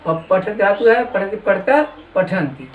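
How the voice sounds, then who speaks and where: A man teaching a classroom lesson, slowly dictating words for students to copy. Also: high voice, expressive, narrow, tinny audio, slight background noise. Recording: echoey room from far off.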